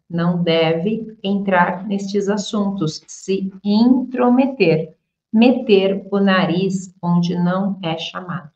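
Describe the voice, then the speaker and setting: Slow, emphatic woman teacher. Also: mid-range voice, echoey room, highs cut off. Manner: slow and emphatic, repeating phrases. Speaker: Portuguese teacher. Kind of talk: language lesson.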